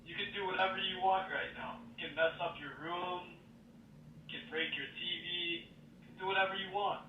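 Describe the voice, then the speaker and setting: A man's voice: high-pitched, fairly even intonation, normal speed, echoey room, recorded from a distance, muffled recording, slight background noise, pitched above the performer's own voice, close to an everyday voice. A man voicing a hacker who talks to a child through a home security camera, in a sly coaxing tone.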